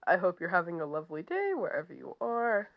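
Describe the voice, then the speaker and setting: A woman's voice: lowish voice, very animated, dull audio. A woman with a stuffy, nasal voice from a cold, chatting casually and rambling a little while she draws. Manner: rambling, halting, drops to near-whispers. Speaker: digital artist. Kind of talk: casual chat while drawing.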